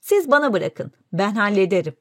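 A woman voicing a clever young male rabbit trickster who puts on a slow, booming spirit voice to scare others. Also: sing-song, dry recording, studio quality. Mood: cocky. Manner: booming, drawn-out mock-spirit voice when tricking.

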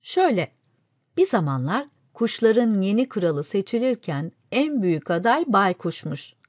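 A woman voicing a shrewd male vizier who speaks deferentially and persuades his sultan calmly. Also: mid-range voice, unhurried, no echo, studio quality. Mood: persuasive. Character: wise scheming male vizier, respectful to the sultan.

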